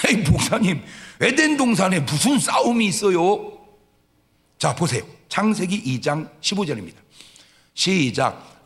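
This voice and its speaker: A man preaching a lively Sunday sermon as pastor, telling stories with acted-out dialogue and swinging from loud shouts to quiet asides. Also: a little high. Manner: humorous storytelling with acted-out dialogue. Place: church sanctuary. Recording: long hall reverb of a church.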